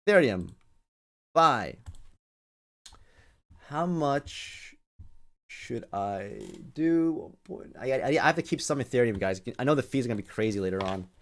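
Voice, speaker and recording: Talking to his listeners directly and often, a man hosts a livestream with casual commentary delivered in repetitive, halting phrases. His mid-range voice has lively intonation and a measured pace, with long pauses between bits.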